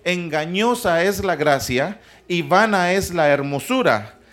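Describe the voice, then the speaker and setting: Lively man preaching a sermon. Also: high-pitched, takes it slowly. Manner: lively preaching with rhetorical questions to the congregation; humorous asides.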